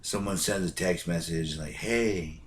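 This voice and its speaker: Man, lowish voice, profane rant, blunt, emphatic, swears constantly. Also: expressive, moderate pace, a bit bright, a little hiss or hum. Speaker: vlogger. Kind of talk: profane ranting monologue.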